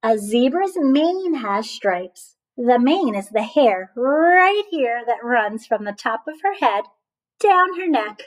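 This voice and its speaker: With a voice on the high side, a woman plays a teacher reading a picture book to little ones, lively and upbeat, asking questions and leaving pauses for answers. The audio is low quality.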